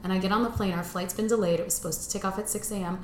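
A woman hosting a comedy podcast, telling a story in an animated, chatty way. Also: mid-range voice, very fast. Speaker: podcast host. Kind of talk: casual comedic chat. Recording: echoey room, faint background noise.

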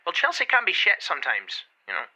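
A man's voice: high-pitched, huge pitch swings, fast, bright, forceful tone, exaggerated voice. A man playing a foul-mouthed, mocking football man. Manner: sweary, blunt, teasing. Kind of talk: comedy audio drama.

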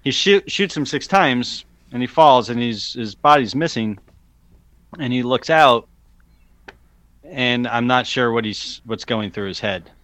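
A man of middle pitch talks as a podcast co-host in a casual, animated way, tossing questions back and forth. His voice is close to the mic in a dry, dead room. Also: unhurried, no room sound. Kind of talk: casual chat.

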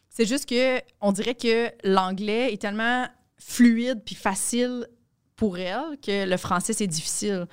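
A woman's voice: mid-range voice, smooth, no room sound, studio quality. A young adult woman with a Quebec French accent, a comedian guest chatting casually on a podcast and telling a story with many asides.

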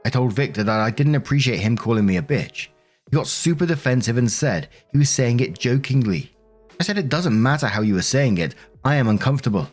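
A man's voice: medium pitch, animated, fairly quick, faint music behind. A man reading Reddit relationship stories aloud and then reacting bluntly in his own words. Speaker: story narrator.

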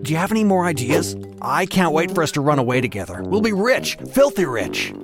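Man voicing a gloating con-man cult leader, lively swooping tone, slightly high voice, music behind. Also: a little fast. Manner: gloating, mocking. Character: greedy scheming male cult leader, smug. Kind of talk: animated story voice acting.

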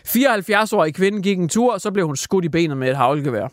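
High-voiced man hosting a comedy show. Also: animated, no echo, studio quality. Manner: mock-serious, rambling with fillers. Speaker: comedy radio host. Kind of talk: satirical comedy radio bit. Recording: music playing behind.

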